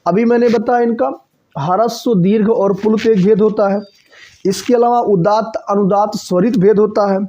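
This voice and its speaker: High-pitched male teacher, dull lo-fi audio. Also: steady tone, moderate pace, mellow. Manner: repeats checks like "ठीक है" and asks then answers his own questions. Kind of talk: exam-prep grammar lesson. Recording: dull lo-fi sound.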